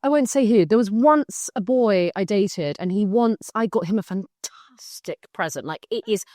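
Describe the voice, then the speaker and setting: A young woman co-hosting a podcast, chatting in a bubbly, animated way and laughing often. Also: medium pitch, moderate pace, no echo, studio quality. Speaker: podcast co-host. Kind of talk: casual chat.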